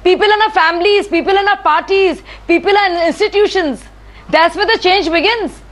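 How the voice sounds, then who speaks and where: Woman, debate panelist, earnest, indignant, high voice. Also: normal speed, fairly bright tone. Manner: earnest, searching for words, indignant. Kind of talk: TV debate argument.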